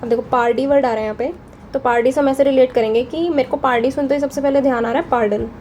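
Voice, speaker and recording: A woman's voice: high voice, steady tone, fast talker, darkish tone, a little hiss or hum. A young woman teaching vocabulary in a casual Hinglish lesson, chatty and often checking in with her students. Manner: chatty, checks in with frequent "theek hai".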